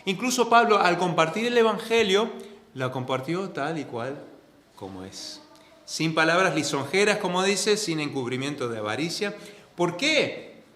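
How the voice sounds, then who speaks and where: A male pastor from delivers a sermon in a somewhat high voice. He preaches earnestly, repeating key phrases, rising to loud stresses and dropping to quiet asides. The sound rings with the echo of a church hall. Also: sing-song, a little slow. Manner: swings between loud stresses and soft, low asides. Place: church sanctuary.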